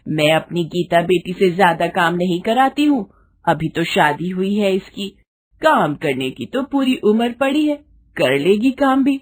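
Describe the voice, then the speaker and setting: A cruel, bossy mother-in-law, put on by a woman narrator, barking orders and sneering in a husky voice. She turns sugary only to fool visitors, and the storybook delivery stays sharp and cold. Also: lowish voice, expressive, unhurried. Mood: falsely sweet. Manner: shouting, taunting, mock-sweet with guests. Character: harsh, scolding middle-aged mother-in-law.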